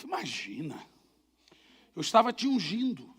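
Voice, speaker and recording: A man's voice: sits high, unhurried, slightly rough. A man with a Brazilian Portuguese accent, a pastor preaching in church and telling stories, acting out scenes with sound effects. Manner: animated storyteller, acts out scenes with sound effects. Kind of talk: sermon with personal anecdotes.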